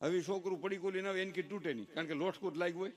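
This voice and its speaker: High-pitched man cracking folksy jokes on a live stage, mimics his relatives. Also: steady tone, very fast. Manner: mimics family members in exaggerated voices, folksy and teasing. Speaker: folk comedian at a dayro. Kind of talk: live stage comedy storytelling. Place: live stage event with audience.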